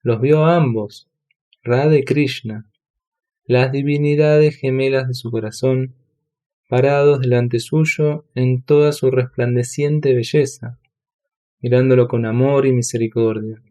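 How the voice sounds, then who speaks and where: A man narrating a devotional audiobook in a measured, solemn reading. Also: mid-range voice, fairly even intonation, warm tone. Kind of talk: scripted narration.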